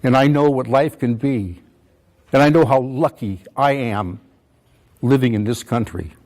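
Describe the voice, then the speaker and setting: A man's voice: medium pitch, unhurried, darkish tone. A man in his eighties giving an impassioned talk to students, pleading and repeating phrases for emphasis. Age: 80s. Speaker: veteran speaker at a school.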